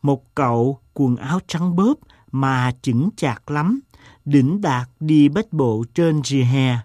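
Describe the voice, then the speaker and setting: A man voices an eccentric gentleman in a storybook reading. He tells his tale slowly and deliberately, with a self-mocking tone. The sound is close and dry. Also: medium pitch, no echo, natural voice. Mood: wry.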